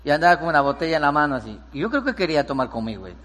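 Preaching pastor in a reverberant hall. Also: male voice, on the high side, big pitch swings, rapid-fire. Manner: preaching, swings from hushed storytelling to loud emphatic peaks. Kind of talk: sermon with storytelling.

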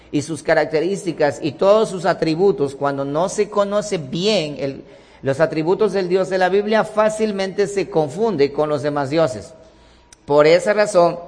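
A man's voice: a little high, long reverb tail. A man preaching a sermon, emphatic, with rhetorical questions and repetition.

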